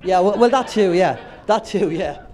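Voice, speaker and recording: A man from Ireland, co-host of an internet radio show, jokes and chats his way through an on-stage conference presentation for a live crowd, sounding a little nasal from a cold. He speaks at a moderate pace, his voice sitting high, expressive, and a little mellow.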